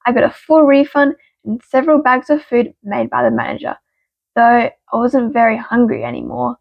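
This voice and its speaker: A woman with a raised, gravelly fry reads stories aloud, expressive with quick punchy asides. Her voice is dry and close, with a slightly dull, muffled sound. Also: a little high, dry recording. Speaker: story reader. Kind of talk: narrated story reading.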